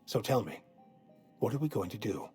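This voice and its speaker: An actor playing a calm, earnest male companion in a video game, speaking in a measured, thoughtful way. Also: lowish voice, soft background music. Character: calm, earnest male companion who lost his faith.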